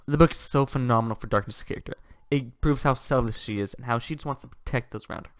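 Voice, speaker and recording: A young man giving an enthusiastic, animated casual book review, gushing as he talks. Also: mid-range voice, fast.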